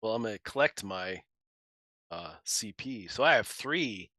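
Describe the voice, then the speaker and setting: A man playing a board game on a live stream, thinking out loud about his moves, joking and laughing easily. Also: fairly low pitch, expressive, unhurried, no room sound. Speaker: guest player. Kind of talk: casual livestream chat while playing.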